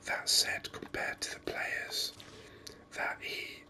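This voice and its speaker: A gaming video host whispers ASMR game commentary close to the microphone, breathy and unhurried, thinking aloud as he goes.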